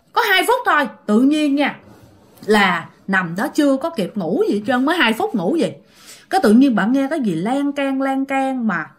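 A woman with a Southern Vietnamese accent and a high, slightly bright voice hosts a channel where she retells ghost stories sent in by listeners. As a storyteller host, she's chatty and repetitive, speaking directly to the audience.

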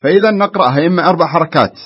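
A man's voice: fairly high pitch, rapid-fire, husky, lo-fi sound. A man teaching Quran recitation, patiently correcting callers step by step. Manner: patient, explains step by step with repeated examples.

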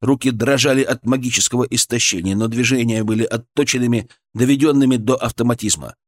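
A man reading a fantasy novel aloud in a steady, tense, dramatic way. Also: medium pitch, fast talker, no room sound, studio quality. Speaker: audiobook narrator. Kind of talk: scripted fantasy narration.

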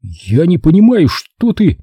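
A man doing a frightened twelve-year-old boy, husky and pleading. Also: on the high side, wildly swooping pitch, a little slow, warm tone, dry recording, pitched above the performer's own voice, full character voice. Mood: anxious pleading. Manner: pleading, urgent and tearful.

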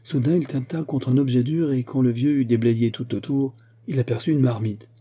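A man reading a fantastic folk tale aloud as narrator, in a lively storytelling manner. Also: medium pitch, moderate pace, breathy edge. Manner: lively storytelling, voicing the grandfather's lines.

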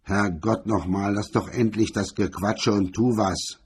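Brief: a brutish drunk cop who bellows and sneers, husky and low, a man doing the voice. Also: fairly even intonation, measured pace, full character voice. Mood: blustering. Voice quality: rough, booming voice. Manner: barking, contemptuous. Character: drunk, bullying, loud male cop.

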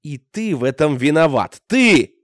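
A man voicing a young bandit who hisses threats and breaks into shrill, tearful shouting. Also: very animated, moderate pace, vocal fry, no room sound, clean studio sound, full character voice. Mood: menacing. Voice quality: hissing, shrill. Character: young bandit lad, cornered, hissing then hysterical.

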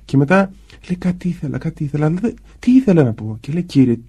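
A man's voice: on the high side, breathy edge. A man, a priest, talking about prayer in a conversational way and acting out quoted voices as he goes. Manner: acts out quoted voices in lively asides.

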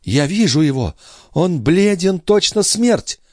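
A man's voice: sits high, very animated, takes it slowly, no room sound, studio quality, voice pushed up, full character voice. A man putting on a terrified young noblewoman in a trance. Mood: entranced. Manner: breathless, pleading, cries out. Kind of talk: audiobook reading.

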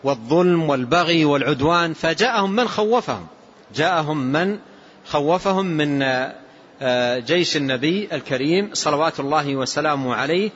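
Guy explaining an old text line by line, lots of "aah" pauses, slightly high voice, muffled recording with faint hiss. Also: expressive, fairly bright tone. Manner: explains phrase by phrase, repeats, pauses with "aah" fillers. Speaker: scholar teaching a classical text. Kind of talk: lesson commentary.

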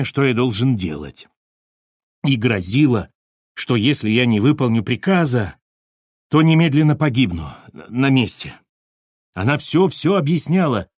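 A man voicing a terrified male drunk electrician who pleads, whimpers and breaks into hysterical shouts in an audiobook. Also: mid-range voice, no room sound, clean studio sound, natural voice. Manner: pleading, tearful, near-hysterical.

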